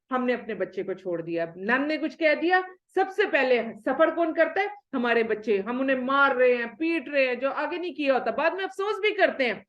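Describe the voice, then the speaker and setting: Female religious lecturer, higher-pitched, lively and rhetorical, on a dull lo-fi recording. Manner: lively, rhetorical questions, acts out quoted speech. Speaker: Islamic studies lecturer.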